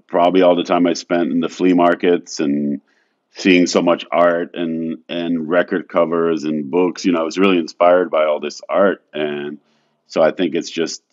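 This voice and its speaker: A bass-voiced man from France, a photographer, is heard over dull audio. He answers as an interview guest in a relaxed but unsure manner, soft-spoken, with many restarts and repeated "you know."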